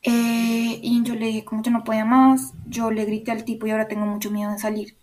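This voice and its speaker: A woman's voice: fairly high pitch, completely flat delivery, brisk, a little mellow. A young woman with a Bogotá-area Colombian accent, hosting a podcast and telling a personal story in a candid, emotional way, with many fillers. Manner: emotional, candid, full of fillers like "como" and "o sea". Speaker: podcast host.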